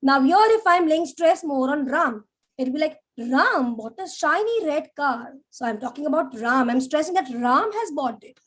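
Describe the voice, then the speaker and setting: A woman teaching a live public speaking class, animated and demonstrative, often checking in with "yeah?". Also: sits high, normal speed. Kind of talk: live online class lecture.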